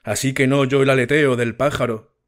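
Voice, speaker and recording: A man reading a fairy tale as an audiobook narrator, slow and measured. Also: medium pitch, fairly even intonation.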